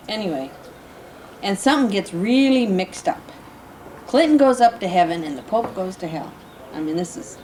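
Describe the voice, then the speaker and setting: An older woman telling jokes at a family gathering, halting and repeating "he said" as she goes. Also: medium pitch, darkish tone. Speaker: joke teller among family. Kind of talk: casual joke telling. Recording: noisy home recording.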